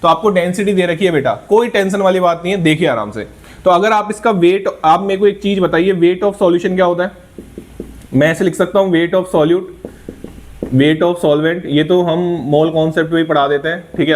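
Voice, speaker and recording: A man's voice: on the high side, fairly even intonation, fairly quick. A male chemistry teacher working through an exam problem step by step, encouraging students and asking then answering his own questions.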